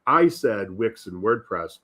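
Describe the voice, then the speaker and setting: A man with a fairly low voice asks pointed and cautious questions. He speaks in a practical way and wants proof before he commits. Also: animated, unhurried. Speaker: colleague asking questions. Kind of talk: casual meeting talk.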